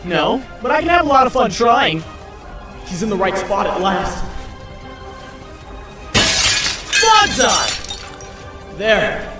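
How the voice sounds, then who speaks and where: A man's voice: high voice, very animated, slow, heavily acted. A man playing a young, wisecracking but harried superhero in a comic dub, with a wry, self-narrating manner. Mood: cocky, joking. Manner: wry, quippy, talks to himself. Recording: very echoey, distant, music behind.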